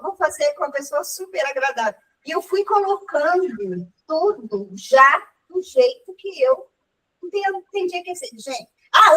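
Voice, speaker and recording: A woman, older, telling a lively personal story in casual chat, laughing often and acting out what people said. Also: high voice. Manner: animated, laughing, acts out dialogue. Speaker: group member sharing a story. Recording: voice from far off the mic.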